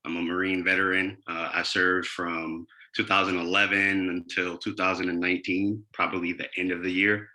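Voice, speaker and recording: A man in his twenties introducing himself to a class on a video call, speaking in a steady, orderly and polite way. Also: low-pitched, moderate pace, few pauses. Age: 20s.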